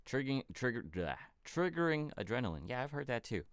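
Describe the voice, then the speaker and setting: A man from California hosting a casual fitness livestream Q&A, answering viewer questions in a relaxed, rambling way. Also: medium pitch, a little fast, no echo, clean studio sound. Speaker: fitness channel host.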